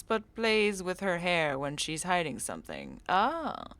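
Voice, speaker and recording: A woman's voice: fairly low pitch, gravelly, fairly bright tone, no echo, heavily acted. A woman voicing a sly, theatrical male cultist in a game, with polished, mock-formal phrasing.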